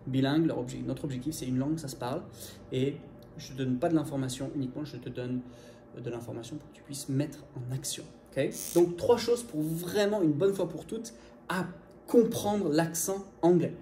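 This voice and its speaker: A man's voice: fairly high pitch, slight background noise. Upbeat male teacher in echoey room. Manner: lively, fast, direct to viewer. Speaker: English teacher. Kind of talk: energetic video lesson.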